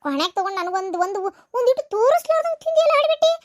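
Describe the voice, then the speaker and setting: A woman's voice: very high voice, sing-song, racing, a little mellow, pitched above the performer's own voice. A woman voicing a short-tempered village mother-in-law in a cartoon, scolding and cursing in a North Karnataka accent. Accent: North Karnataka Kannada. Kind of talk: cartoon voice acting.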